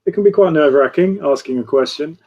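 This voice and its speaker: Speaking fast in a fairly high pitch, a man hosts an online fireside chat by video call and tends to wrap up each point with "right?". The tone stays conversational, and the sound is lo-fi.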